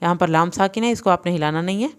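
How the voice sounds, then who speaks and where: A woman with a low, smooth, resonant voice leads a reading lesson. She spells out each syllable deliberately and joins them into words. Between drills she gives brisk, plain explanations. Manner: explains rules in quicker, plain teacherly asides. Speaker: Quran reading teacher. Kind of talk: recorded online lesson.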